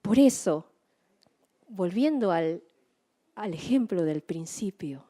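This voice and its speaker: A middle-aged woman preaching a sermon, telling stories in an animated way and acting out her own excited shouts. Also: lowish voice, slow pace.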